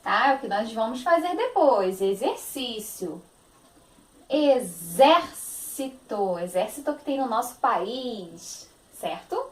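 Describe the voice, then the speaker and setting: A woman's voice: fairly high pitch, lively intonation, a little slow, echoey room. A woman teacher with a Brazilian Portuguese accent, giving a phonics lesson to young children, stretching out words in a sing-song, affectionate manner.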